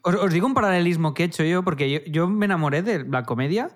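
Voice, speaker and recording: A man's voice: high-pitched, fast. A man, a comedian chatting enthusiastically on a podcast. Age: 30s. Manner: enthusiastic, animated storytelling. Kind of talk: casual podcast chat.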